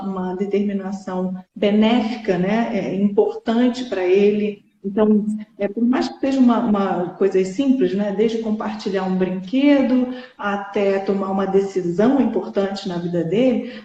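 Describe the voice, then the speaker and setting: A woman's voice: medium pitch, dark tone. A woman hosting a casual live chat, talking earnestly with many fillers and restarts. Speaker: host. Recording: dull lo-fi echoey room.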